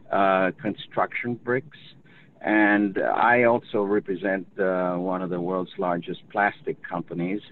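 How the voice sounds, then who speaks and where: Older man on a phone line. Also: lowish voice. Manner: explains at length, with many restarts. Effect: heard over the phone. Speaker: industry representative in a webinar. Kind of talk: unscripted webinar discussion. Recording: tinny phone line, faint noise.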